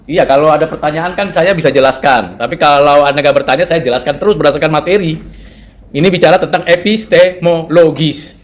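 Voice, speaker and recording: A man's voice: fairly high pitch, fairly quick. A man from North Sumatra giving a seminary classroom lecture in a conversational way, quizzing his students and dropping in English terms. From North Sumatra, Indonesia.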